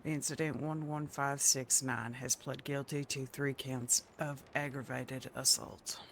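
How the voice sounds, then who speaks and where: A man's voice: medium pitch, flat delivery, a little slow, a bit bright, slight background noise. A man playing a prosecutor in a role-play courtroom, formally reading out long lists of charges.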